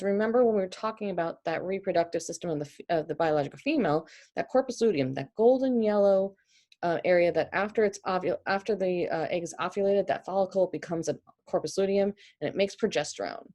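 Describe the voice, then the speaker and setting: A woman's voice: fairly low pitch, dark tone. A young adult woman with a New York accent, explaining a lesson off the cuff with many restarts. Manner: explanatory, with frequent restarts and fillers. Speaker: teacher. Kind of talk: unscripted lecture.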